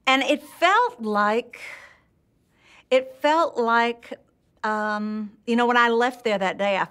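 With a clear, resonant voice pitched a little high, an older woman with a Texan accent takes her time recalling her acting start. The reflective interview takes place indoors, with curtains and plants around her. She is warm and candid, laughs a lot, and often begins sentences again.

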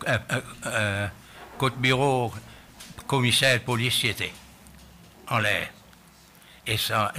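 A man testifies at a public hearing, speaking in halting bursts with frequent restarts. His voice has a very bright, sharp edge at a middling pitch, with a faint hiss in the background. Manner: halting, searching for words, many restarts. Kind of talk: spoken testimony. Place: hearing room.

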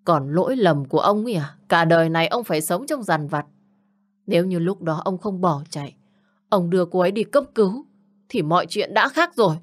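A woman's voice: on the low side, lively intonation, fairly quick. A woman voicing a cold, controlled young man who speaks curtly. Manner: curt, controlled. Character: cold, powerful young man, grieving widower.

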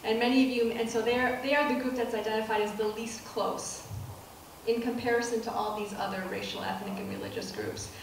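A soft-spoken woman professor with a voice on the high side and lively intonation lectures to an audience, measured but with frequent ums and restarts. She stands on a dark auditorium stage with a projector screen, holding a mic, recorded from a far camera in a distant, echoey hall with room noise.

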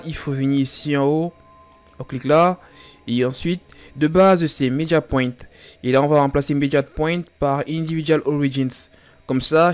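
Man, casual screen tutorial host, thinking aloud, self-deprecating, slightly high voice. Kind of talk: screen-recorded software tutorial.

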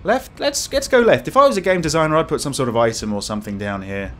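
A man's voice: a little high, fast, fairly bright tone. A man giving casual let's play commentary as a scared, jumpy horror game streamer who exclaims and swears. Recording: music behind the voice.

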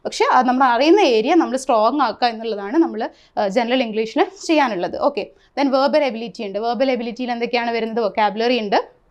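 Malayali woman teacher going over the syllabus, slightly high voice, keeps asking rhetorical questions. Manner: explanatory, asks rhetorical questions. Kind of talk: exam syllabus lesson.

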